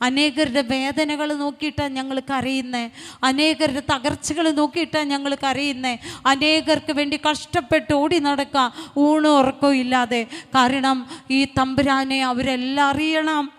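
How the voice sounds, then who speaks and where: A woman preacher giving a fervent sermon and testimony, speaking in short repeated phrases that build to loud exhortation. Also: sits high, steady tone, moderate pace. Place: retreat centre hall. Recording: long hall reverb.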